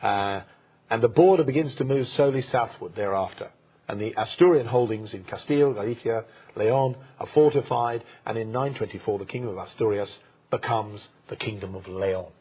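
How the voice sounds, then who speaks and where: A man co-hosting a history program, talking through events without a script, with many pauses, fillers and restarts. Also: fairly low pitch, husky. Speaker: co-host, history presenter. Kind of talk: unscripted history talk. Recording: dull lo-fi sound.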